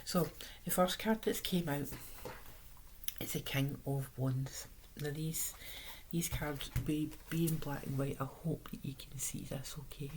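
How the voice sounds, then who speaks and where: A Scottish woman with a hoarse, sore-throat voice, chatting casually through a tarot reading in a rambling, conversational way. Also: low-pitched, fairly even intonation, unhurried, darkish tone, a little hiss or hum, low-quality recording.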